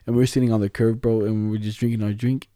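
A man's voice: fairly low pitch, fairly even intonation, fast talker, warm tone, no room sound. Slangy young man swapping stories, close and dry. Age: young adult. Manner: slangy, profane, jokey storyteller. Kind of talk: casual chat, swapping stories.

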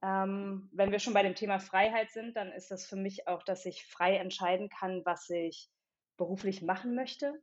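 A woman's voice: medium pitch, fairly even intonation. Hesitant woman guest, dull lo-fi sound. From Berlin, Germany. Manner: thoughtful, hesitant, many filler pauses. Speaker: podcast guest, company founder. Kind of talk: casual interview chat.

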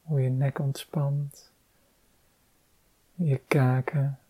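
Slow, mellow-voiced meditation guide. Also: medium pitch, slightly rough, no echo, low-quality recording. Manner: calm, soft-spoken, unhurried instructions with long pauses.

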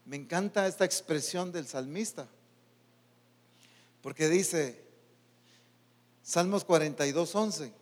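High-voiced preaching man, long church reverb. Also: slow pace, pauses often. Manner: preaching with sudden loud peaks and quiet low drops; speaks to his own soul in asides. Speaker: pastor. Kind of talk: sermon. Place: church hall.

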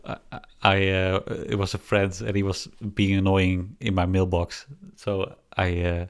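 Super deep voiced dude on a podcast, lots of restarts, laughs a lot. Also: male voice, completely flat delivery, unhurried, smooth. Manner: hesitant, many restarts and fillers, laughs often. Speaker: podcast co-host. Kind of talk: casual chat.

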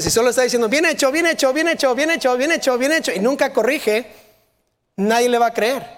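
A man preaching a sermon, asking the audience questions and sometimes shouting as he acts out a drill sergeant. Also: sits high. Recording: long hall reverb.

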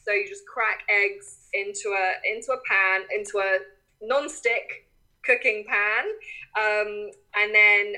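A woman with a bright, forward voice talks as a podcast guest. Her delivery is casual and conversational, hesitating and rephrasing as she explains things. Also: medium pitch, steady tone, slow, poor audio. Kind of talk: casual interview chat.

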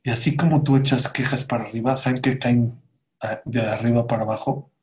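Quick and medium-pitched, a man gives a storytelling sermon, animatedly imitating the voices of the people in his tales.

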